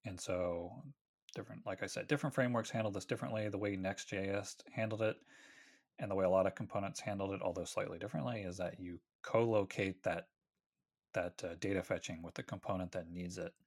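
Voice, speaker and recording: A man's voice: deep voice, steady tone, brisk. A man co-hosting a casual tech podcast, explaining things at length and correcting himself as he goes. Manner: rambling, self-correcting explanations. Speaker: podcast co-host.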